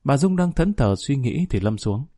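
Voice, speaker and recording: A man reading a story aloud in a steady, even way. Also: mid-range voice, normal speed, no echo, studio quality. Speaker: narrator.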